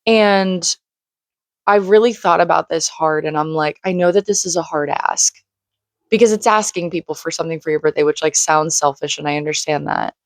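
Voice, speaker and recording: A woman's voice: sits low, normal speed, no room sound. A woman in her late twenties, slightly crackly from screaming, talking earnestly in a rambling casual monologue full of "like". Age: late 20s. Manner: rambling, heavy use of "like", earnest. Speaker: vlogger. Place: home room by a shared wall.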